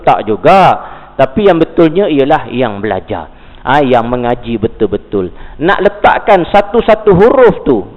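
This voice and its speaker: A religious teacher with a Malaysian Malay accent gives a lecture at a mosque in a high voice, alternating formal reading with chatty side remarks and rhetorical questions. The recording sounds dull and carries the long echo of the mosque hall.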